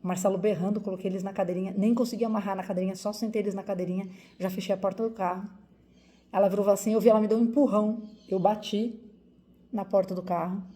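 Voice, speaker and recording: A woman's voice: medium pitch, fairly even intonation, fast, dark tone. A woman from Brazil in her forties, a doctor, telling viewers a personal story in an emotional, vivid way with lots of repetition.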